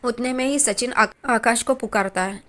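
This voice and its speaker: A woman's voice: a little high, moderate pace, a bit bright. A woman casually retelling a TV serial episode, speaking in plain storytelling with small restarts and reading lines of dialogue aloud. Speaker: TV serial recap narrator. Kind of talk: casual spoken episode recap.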